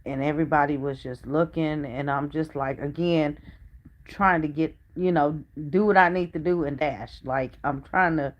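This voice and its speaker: A woman's voice: low voice, fairly even intonation, normal speed, lo-fi sound. A middle-aged woman, a family vlogger, telling a personal story to her viewers in a chatty, earnest way. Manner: chatty and earnest, drops to a hush when retelling what others said.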